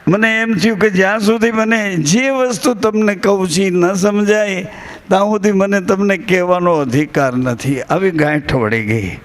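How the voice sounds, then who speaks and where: A man's voice: high-pitched, normal speed. A man with a rural Gujarati accent giving a devotional discourse to a live gathering, telling stories in a folksy way and quoting verses and dialogue. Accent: Gujarati, rural Saurashtra. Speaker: bhajan singer and spiritual speaker.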